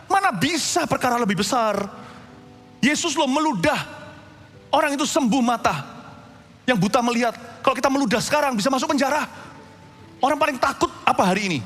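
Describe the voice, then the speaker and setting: A male pastor preaching a sermon, telling stories in a lively, animated way and acting out voices. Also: extremely high pitch. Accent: Indonesian. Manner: animated storytelling preacher, acts out voices and shouts. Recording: long hall reverb with faint music.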